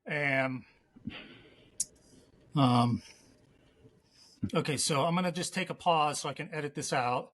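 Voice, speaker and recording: A man's voice: on the high side, a bit bright. Easygoing male fishing podcast host. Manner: unhurried, talks through his editing plans aloud. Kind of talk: casual remote interview.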